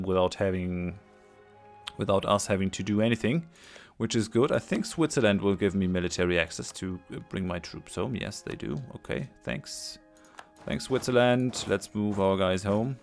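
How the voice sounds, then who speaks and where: A man commentating a strategy game as he plays, thinking aloud, hesitant, with many fillers and restarts, his voice tiring. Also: fairly low pitch. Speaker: let's play host. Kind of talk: casual gameplay commentary.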